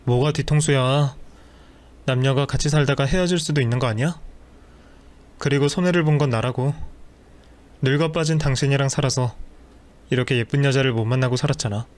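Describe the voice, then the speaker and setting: A man's voice: mid-range voice, fairly quick, pauses often, lightly acted. A man voicing a cruel, contemptuous husband who talks in a scornful, dismissive way.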